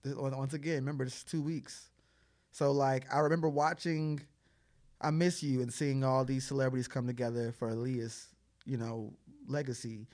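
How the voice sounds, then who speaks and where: A man co-hosting a podcast in casual chat, animated and chatty with lots of filler words. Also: mid-range voice, moderate pace. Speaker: podcast co-host.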